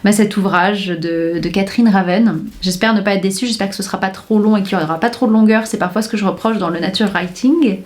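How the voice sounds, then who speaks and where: A woman's voice: mid-range voice, fairly even intonation, fast, few pauses. Chatty young woman gushing about books. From France. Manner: enthusiastic, chatty, many fillers and restarts. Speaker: book podcaster. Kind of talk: casual book chat.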